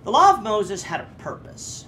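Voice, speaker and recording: A man's voice: moderate pace, a little hiss or hum. Earnest man teaching a Bible class. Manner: earnest, with lively rises in pitch and frequent hesitations. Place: indoors before a red curtain. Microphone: camera framed chest-up.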